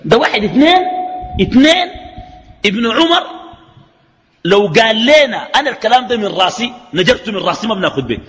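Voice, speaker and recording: A man's voice: high-pitched, sing-song, fast, fairly bright tone. A man with a Sudanese Arabic accent teaching a religious lesson, arguing through a stream of rhetorical questions. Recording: echoey hall reverb.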